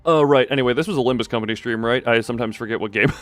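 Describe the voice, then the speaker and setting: He speaks in a mid-range, fairly bright voice at a racing pace while hosting his livestream, joking, going off on tangents, and talking back to chat. The sound has no echo, with faint music in the background.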